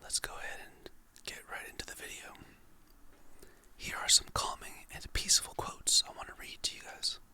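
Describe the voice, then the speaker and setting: An adult ASMR creator whispering softly and slowly, reading calming quotes in an encouraging way. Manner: soft, relaxed, slow-paced, encouraging.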